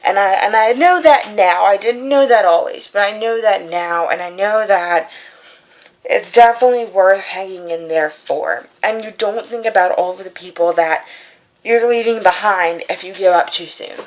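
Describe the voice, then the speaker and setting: A woman's voice: mid-range voice, normal speed, low-quality recording. Earnest young woman speaking from the heart. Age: 20s. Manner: earnest, encouraging. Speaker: vlogger sharing a personal message of support. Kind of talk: informal, heartfelt talk to camera.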